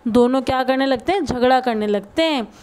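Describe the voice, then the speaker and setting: A woman's voice: high voice, brisk, darkish tone, clear, resonant tone. A woman from India teaching a reading lesson, who explains each word and then asks and answers her own questions.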